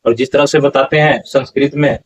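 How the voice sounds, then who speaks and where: A man giving a lesson on correct verse pronunciation, slowly drawing out example words and correcting common mistakes in a repetitive teaching manner. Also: medium pitch, steady tone, husky, lo-fi sound. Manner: slow deliberate syllable-by-syllable chanting of examples. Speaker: Gita recitation teacher.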